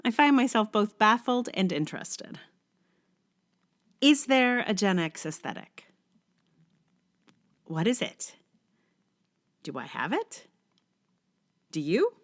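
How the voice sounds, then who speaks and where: Speaking slowly in a sing-song, mid-range voice, pausing often, a middle-aged podcast host muses alone in a wry, self-questioning way. She starts with a scripted essay reading, then shifts to casual, rambling talk.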